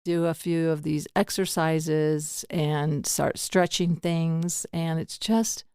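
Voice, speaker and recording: A woman's voice: deep voice, steady tone, takes it slowly, warm tone, clear, resonant tone, dry recording, studio quality. A middle-aged woman hosting a podcast, talking frankly and rambling, often laughing at herself. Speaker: podcast host. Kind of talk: candid casual interview chat.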